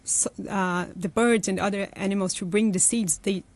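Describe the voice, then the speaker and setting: A young Brazilian woman appears as a guest in an interview, thoughtfully explaining her forest restoration work in conversational answers. Her mid-range voice has fairly even intonation and a moderate pace, with many fillers and restarts.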